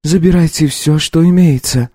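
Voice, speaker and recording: A man voicing a fierce middle-aged woman housekeeper who is secretly a beast, in a high strained falsetto. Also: moderate pace, mellow, dry recording, clean studio sound, close to an everyday voice. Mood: fearful. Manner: pleading then menacing.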